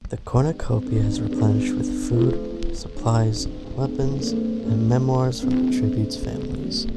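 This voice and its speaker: A man's voice: mid-range voice, fairly even intonation, unhurried, low-quality recording. Hammy theatrical male narrator over music. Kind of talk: dramatic reading of simulated survival-game events. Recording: music under the voice. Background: background music.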